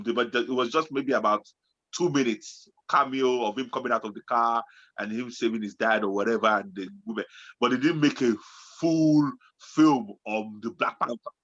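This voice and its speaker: A man in his late forties, co-hosting a casual chat in an animated way, turning from loud excitement to low musing. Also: normal speed. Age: 40s. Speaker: podcast co-host. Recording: dull lo-fi sound.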